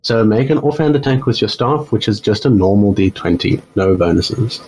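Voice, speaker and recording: Low-voiced man running a tabletop game. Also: animated, moderate pace, darkish tone, slight background noise, rough recording. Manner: rambling, filler-heavy narration with self-corrections. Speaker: game master.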